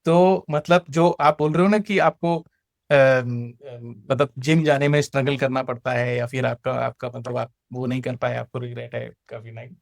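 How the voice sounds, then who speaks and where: This man, speaking with an Indian accent, shares his own stories in conversational style, performing the dialogue and blending Hindi with English. His medium-pitched voice is gravelly and runs at normal speed. The clean studio sound carries no echo.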